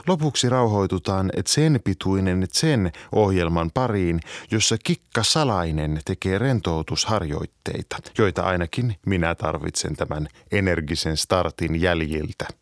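A man presenting a comedic radio programme, introducing its segments in a brisk, ironic announcer style. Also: deep voice, no echo, clean studio sound.

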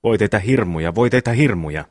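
A man reads a pious, fretful brother who scolds the others. The voice is low and swings widely, recorded dry. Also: lively intonation, no echo. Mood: scolding.

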